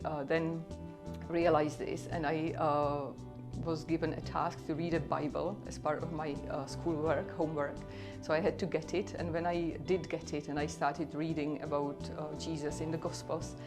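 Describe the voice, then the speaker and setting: Low-voiced woman with a Czech accent. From Czech Republic. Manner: earnest, conversational, many "like" and "you know" fillers. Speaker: speaker sharing her faith story. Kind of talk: personal testimony to camera.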